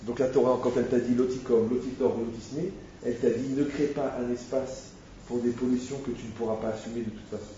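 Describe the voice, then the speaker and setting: Teaching Torah informally, a man talks with animation, throws out rhetorical questions and speaks straight to his audience. He has a warm, steady, medium-pitched voice and talks a little fast. The recording, made in an echoey room, sounds dull, with slight background noise.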